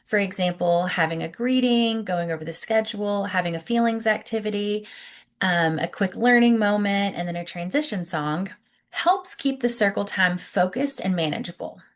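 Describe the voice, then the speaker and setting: A woman presenting scripted teaching tips as an early childhood educator, explaining clearly and encouragingly and speaking directly to the listener. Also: mid-range voice, normal speed. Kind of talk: instructional presentation, scripted narration to camera.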